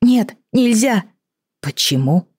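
A tearful young girl in a storybook, her voice pitched high and cracking into shrill pleas as she sobs. A woman acts her out, reading close and dry, with no room around the voice. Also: sing-song, slow, darkish tone, slightly rough, dry recording, full character voice. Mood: distraught. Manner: sobbing, pleading, rising to shrieks.

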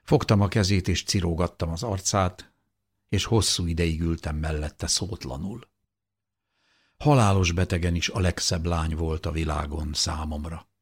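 A man narrating an audiobook in a calm, measured storytelling manner. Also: low voice, husky. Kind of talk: scripted narration.

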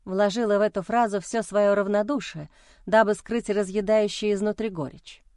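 A woman's voice: mid-range voice, fairly even intonation, normal speed, a little mellow, no echo, clean studio sound. Emotional woman audiobook narrator. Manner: emotional, dramatic, intense. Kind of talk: expressive first-person audiobook reading.

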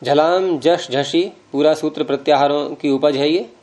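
A man's voice: a little high, fairly even intonation, normal speed, a little mellow. A man with a Hindi accent teaching Sanskrit grammar to a class, patiently explaining and repeating word forms aloud.

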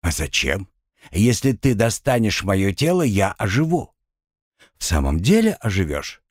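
A man's voice: fairly low pitch, sing-song, a little slow, a little mellow, dry recording, studio quality. A man doing a grumbling drowned spirit. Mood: aggrieved. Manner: complaining, exasperated. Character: drowned man's spirit, grumbling, self-pitying, wry. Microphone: close studio mic.

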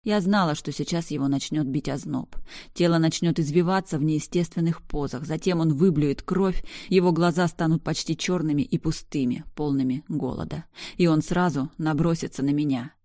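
Low-voiced woman reading a dramatic story. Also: steady tone, moderate pace, warm tone, no echo, studio quality. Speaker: narrator. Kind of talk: first-person story reading.

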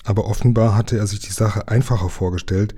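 A man reads a children's book aloud in a calm, measured way. His voice is low, very dark and somewhat husky. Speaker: reader.

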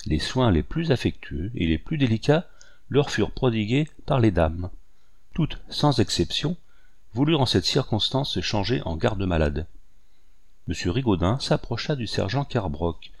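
A man narrating a classic novel as an audiobook, reading in a measured, even way. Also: fairly low pitch. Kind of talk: scripted narration.

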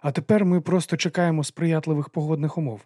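A man's voice: a little high, steady tone, fast, mellow, dry recording, studio quality, voice pushed up, lightly acted. A man voicing a nervous young clockmaker who talks in an unsure, hesitant way.

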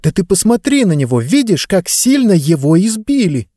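A man's voice: sits high, big pitch swings, moderate pace, dark tone, no echo, clean studio sound, voice pushed up. A man voicing a kind-hearted young girl who pleads earnestly, in an audiobook. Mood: pleading.

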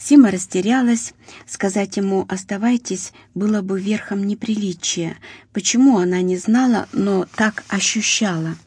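Casting: woman audiobook narrator, measured and even, mellow tone, dry close recording. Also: mid-range voice, husky, no room sound. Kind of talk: scripted narration.

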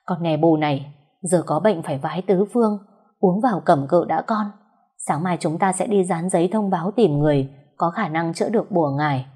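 An older mother speaks firmly and coaxingly, voiced by a woman in a mellow, husky voice. The storybook reading keeps her practical and urgent. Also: on the low side, a little fast.

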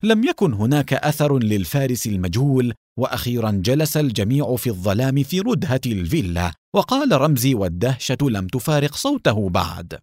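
Expressive male storybook narrator. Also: medium pitch, brisk, dry recording, clean studio sound.

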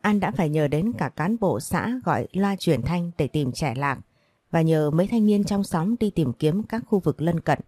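A woman narrating a dramatic story in a steady voice. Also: on the low side, normal speed, breathy edge, no room sound.

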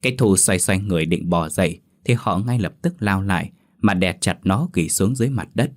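A man's voice: sits low, animated, a little fast. A man narrating a horror story dramatically. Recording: faint music behind.

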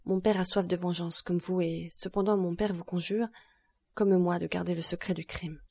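A woman's voice: fairly low pitch, steady tone, moderate pace, mellow, husky. A woman reading a shaken prosecutor, strained. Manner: strained, urgent. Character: shaken middle-aged male crown prosecutor.

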